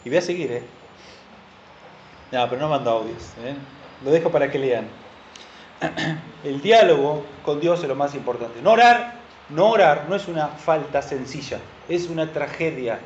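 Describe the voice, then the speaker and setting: A man preaching, his voice sitting high, keeps firing questions at the congregation. The recording is dull and lo-fi, with the roomy echo of a church hall and a faint hiss behind. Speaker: pastor. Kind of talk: sermon.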